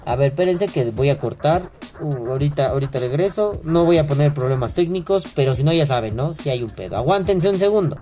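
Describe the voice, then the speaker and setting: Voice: mid-range voice, expressive, a little fast, few pauses, warm tone, soft background music. A vlogger with a Mexican accent reads news aloud in a casual commentary style, full of profane, sarcastic asides.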